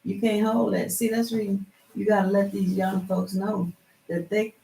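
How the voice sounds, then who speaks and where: A woman's voice: mid-range voice, flat delivery, moderate pace, vocal fry, warm tone. Older woman, far off in a roomy hall. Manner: rambling, with frequent restarts and chuckles. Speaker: elder at a community heritage meeting. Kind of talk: casual reminiscing in a group. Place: indoor meeting room. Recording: roomy, from far off, faint background noise.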